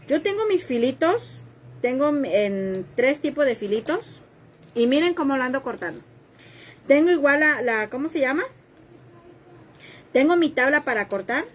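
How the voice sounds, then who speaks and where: With a voice that sits high, a woman leads a live craft tutorial in a chatty way, poking fun at herself as she cuts and reading viewer comments while she works. Slight background noise can be heard.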